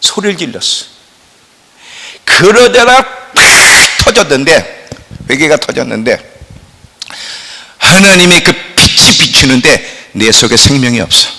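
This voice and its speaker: A middle-aged man preaching a sermon as a pastor, swinging between loud outcries and hushed asides. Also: mid-range voice, husky. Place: church sanctuary. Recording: long church hall reverb.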